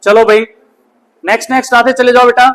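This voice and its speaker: Man teaching science, very high voice, quizzing the class and answering himself, calling students forward. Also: little pitch movement, brisk, a bit bright, low-quality recording. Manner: asks the class questions and answers them himself; often ends lines with "bhai". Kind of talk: classroom physics lesson. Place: school classroom.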